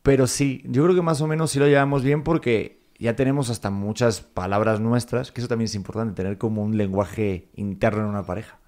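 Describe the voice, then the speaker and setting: A young man with a Spanish accent from Spain, co-hosting a podcast in casual chat, talking loudly and bluntly with jokes. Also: mid-range voice, fairly even intonation, a little fast, hardly any pauses. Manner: talks loudly and bluntly, jokey. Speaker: podcast co-host.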